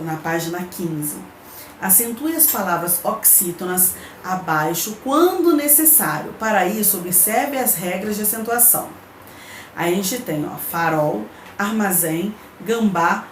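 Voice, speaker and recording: Patient Brazilian woman teacher, echoey room. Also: mid-range voice. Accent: Brazilian Portuguese. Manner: explains patiently, reads textbook aloud, checks in with "né?" and "tá?". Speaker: primary school teacher. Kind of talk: recorded remote lesson. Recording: echoey room with faint background noise.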